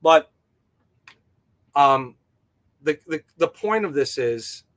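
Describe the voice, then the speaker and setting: Bright-voiced man chatting on a livestream. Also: fairly high pitch, expressive, slow pace. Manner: rambling, filler-heavy, enthusiastic; reads and answers viewer chat. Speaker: livestream host and jig designer. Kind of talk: casual livestream chat.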